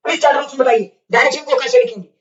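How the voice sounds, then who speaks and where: A man's voice: very high-pitched, very fast, fairly bright tone. A man teaching physics in an online class who coaxes and playfully scolds his students and keeps checking whether they follow. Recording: echoey, distant, dull mic.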